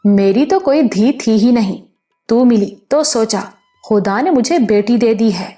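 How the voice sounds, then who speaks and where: Female narrator doing older motherly village woman, scolding but loving, mellow tone, soft music behind. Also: a little high, natural voice. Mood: tender. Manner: scolding yet affectionate, rustic speech. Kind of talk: audiobook character voice.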